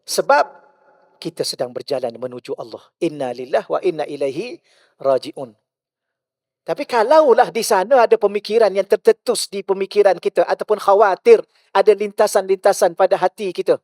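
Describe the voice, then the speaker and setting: A male religious teacher with a Malaysian Malay accent, giving a mosque lecture full of rhetorical questions, shifting between loud and hushed. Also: sits high, lively intonation, normal speed, dry recording, clean studio sound.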